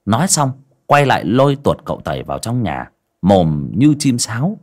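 A male storyteller narrates a horror tale. His voice sits low, and his pitch rises and falls in a lively, dramatic way. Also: normal speed. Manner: dramatic, expressive.

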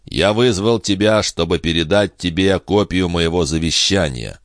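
A man reading a grave, gruff older farmer in an audiobook, terse and stern. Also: deep voice, moderate pace, no room sound, studio quality.

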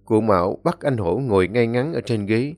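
A man narrating a scripted story in a measured, even way. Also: mid-range voice.

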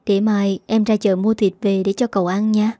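Woman reader doing a sweet fussy young wife, soft mellow voice, dry sound. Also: mid-range voice, flat delivery, normal speed, no echo, natural voice. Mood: gentle. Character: kind, fussing young wife in a country household.

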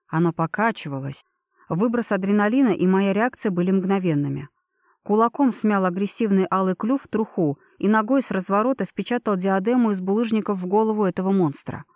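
A woman reading a first-person novel aloud in an even, measured narration. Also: mid-range voice, no echo, clean studio sound. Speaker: audiobook narrator. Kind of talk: scripted narration.

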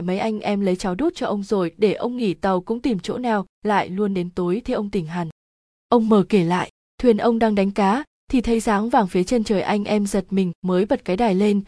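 A woman narrating a story in a steady storytelling manner. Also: mid-range voice, dry recording, studio quality.

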